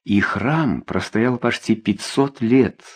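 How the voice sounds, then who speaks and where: A man reading a novella aloud as an audiobook narrator, in a measured, expressive way. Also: lowish voice, husky. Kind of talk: scripted narration.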